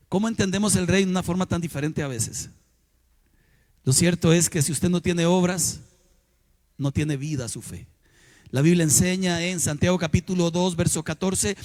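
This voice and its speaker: A middle-aged man preaching a sermon, telling personal stories and swinging between loud exclamations and hushed asides. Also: sits high. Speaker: pastor.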